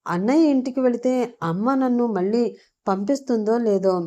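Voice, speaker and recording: A woman's voice: a little high, normal speed, dark tone, muffled recording, pitched above the performer's own voice, close to an everyday voice. A woman voicing a stubborn young woman who pleads to get her way. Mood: pleading.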